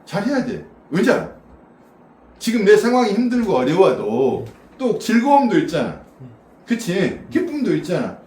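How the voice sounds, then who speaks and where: Huge pitch swings mark this man's high-sitting, darkish voice, delivered at a normal speed. As pastor he chats casually with a small congregation, asking questions and laughing frequently. The small church room gives roomy echo on a distant mic, plus faint background noise.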